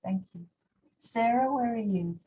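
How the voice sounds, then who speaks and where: A woman's voice: fairly high pitch, unhurried, mellow, a little hiss or hum, poor audio. A woman hosting an online seminar, politely calling on each guest by name over a video call. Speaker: seminar host.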